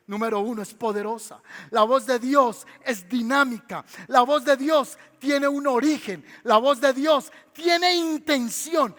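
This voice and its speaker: A man with a Colombian accent preaches a sermon in a very high register. He drives his points home by repeating them and asking the congregation questions. His voice carries a long reverb from the church hall. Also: a bit bright. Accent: Colombian Spanish. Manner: emphatic preaching, repeats key lines, asks the congregation questions. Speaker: pastor.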